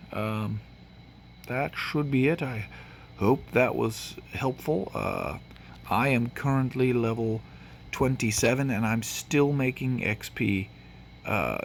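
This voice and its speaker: A gaming channel host from Tennessee, speaking with a Tennessee accent, gives casual gameplay commentary in a mid-range, gravelly voice with a slight hiss or hum. He rambles, full of fillers and restarts, and sounds sniffly from allergies.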